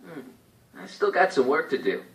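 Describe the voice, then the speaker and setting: Brief: an eager teen time traveler, breezy and persuasive, lively pitch, echoey distant game audio. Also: male voice, normal speed.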